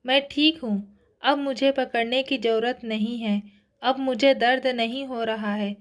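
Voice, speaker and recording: A woman voicing a young heroine who was once a kickboxing champion, speaking softly and plaintively, slow and high. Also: steady tone, close to an everyday voice. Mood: brisk. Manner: soft, plaintive, sniffling.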